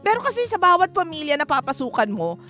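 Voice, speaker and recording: A fairly high-voiced woman hosts a radio advice segment from a studio, talking in a chatty, frank, teasing way and breaking into laughs. A clear music bed plays under her voice throughout. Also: big pitch swings, fast talker, pushed and bright. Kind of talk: late-night radio advice talk.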